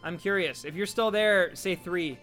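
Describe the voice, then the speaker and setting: A man chatting casually on a live stream, reading out chat in an animated, talkative way. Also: high voice, moderate pace, soft background music.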